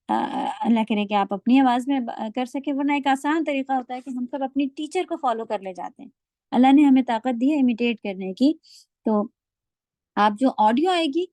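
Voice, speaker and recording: A woman's voice: a little high, mellow, dry recording. A woman teaching a Quran recitation class, patiently demonstrating how each letter should sound. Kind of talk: online tajweed lecture.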